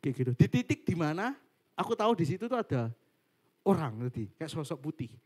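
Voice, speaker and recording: Young man, fairly high voice, lively swooping pitch, casual storytelling, video call. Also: brisk. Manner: animated storytelling, laughs often, acts out quotes. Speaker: cell group speaker.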